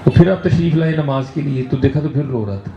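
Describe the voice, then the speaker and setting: A man's voice: a little high, gravelly, a little hiss or hum. A man with a Punjabi-inflected Urdu accent, preaching a sermon to a gathering and often checking in with a questioning "hain?". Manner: rhetorical, keeps checking in with the audience with a questioning "hain?"; switches into Punjabi for emphatic exhortation. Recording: echoey, slightly dull hall recording.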